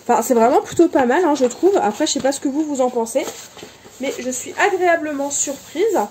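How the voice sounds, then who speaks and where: A high-voiced woman with a darkish tone talks a little fast and animatedly as she displays her craft supplies for a casual vlog. There's a faint hiss or hum, and her chatter is packed with fillers and self-corrections.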